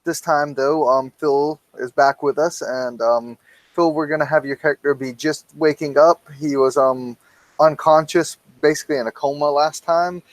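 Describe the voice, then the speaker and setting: A man narrating as game master for a tabletop role-playing game, pausing often with ums. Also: fairly high pitch, fairly even intonation, dry recording, low-quality recording. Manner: hesitant, many ums.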